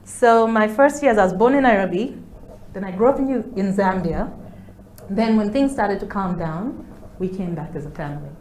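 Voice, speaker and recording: A woman's voice: medium pitch, lively intonation, normal speed, a little mellow. Ugandan woman in an echoey studio. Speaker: guest. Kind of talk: interview conversation. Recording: echoey studio with faint noise.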